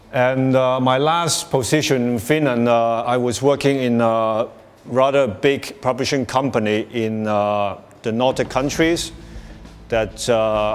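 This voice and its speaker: A man from Hong Kong giving a presentation talk in a small room, measured and pausing often. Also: mid-range voice. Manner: plain and measured, with many filler pauses. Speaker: guest speaker. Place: small meeting room with projector.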